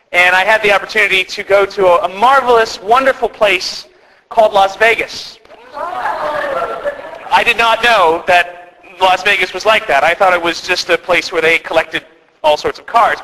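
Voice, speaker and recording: A priest doing live stand-up, chatty and self-deprecating, acting out the lines of the people in his story. His voice sits high and sounds very bright. It carries the long echo of a parish hall, with faint noise underneath.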